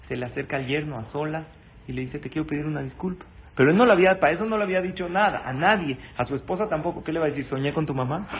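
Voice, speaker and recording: A man giving a sermon, telling stories in an animated way and asking his audience questions. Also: fairly high pitch, vocal fry. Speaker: rabbi giving a talk. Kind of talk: live-streamed sermon with storytelling. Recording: tinny phone-like sound, faint noise.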